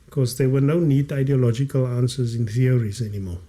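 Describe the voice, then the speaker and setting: Speaking a little fast in a mellow, mid-range voice, this guest author sounds thoughtful as he stretches certain words to stress them. He is a South African in his late fifties, and Kaaps is his first language. The setting is a podcast studio, with a condenser mic and headphones.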